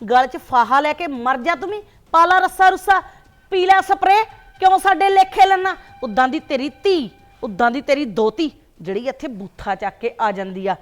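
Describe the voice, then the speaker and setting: A woman's voice: a little high, moderate pace, close to an everyday voice. An actress playing a domineering older grandmother who scolds and mocks her family, in a short drama film. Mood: scolding. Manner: scolding, sharp-tongued, sarcastic.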